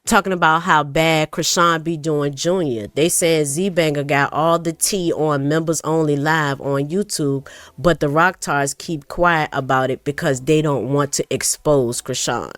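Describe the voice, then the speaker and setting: Low-voiced woman reading gossip chat aloud. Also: steady tone, unhurried, a bit bright, no echo. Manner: exclaiming, reacts with surprise. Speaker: channel host. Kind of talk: casual gossip commentary, reading group chat messages aloud.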